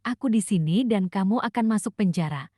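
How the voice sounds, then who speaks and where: A young woman in a police inspector disguise, sure of herself and accusing, with a mellow, fairly high voice, read by a woman narrator. The recording is dry. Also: animated, a little fast, no echo, lightly acted. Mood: confident. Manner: confident, accusing.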